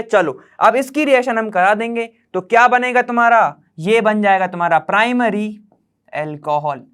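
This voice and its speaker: A man's voice: high-pitched, fairly bright tone, clean tone. A man teaching chemistry problems step by step, chatty, quizzing the viewer and checking in with short "okay"s as he works. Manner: chatty, quizzes the viewer, keeps saying "theek hai".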